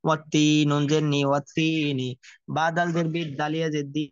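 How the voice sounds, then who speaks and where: A fairly high-voiced man leads a Quran reading lesson. He drills each Arabic letter and vowel sign in slow, chanted repetition. The recording is dry and dull, with no room sound. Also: level tone, smooth, no echo. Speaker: Quran recitation teacher.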